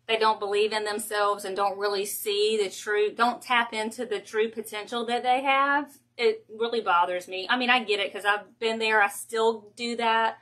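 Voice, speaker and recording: A woman with a Southern Georgia accent hosting a casual wreath-making livestream, chatty and gushing, quick to laugh, speaking into a phone at home. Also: mid-range voice, bright, forceful tone.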